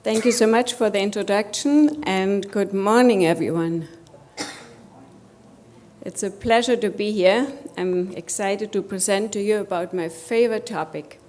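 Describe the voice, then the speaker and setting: At a conference, a woman from Germany speaks with a German accent in a motivational presentation, putting rhetorical questions to listeners. Her mid-range voice is a little mellow, and she keeps a measured pace.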